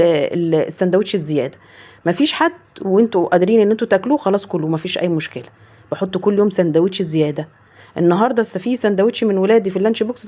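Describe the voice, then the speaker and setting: Egyptian woman, very fast talker, mellow dark tone, earnest chat, slightly dull lo-fi sound. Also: medium pitch. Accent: Egyptian Arabic. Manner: earnest, swears oaths often, retells dialogue in quick bursts. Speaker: mother vlogger. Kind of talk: heartfelt casual chat to viewers.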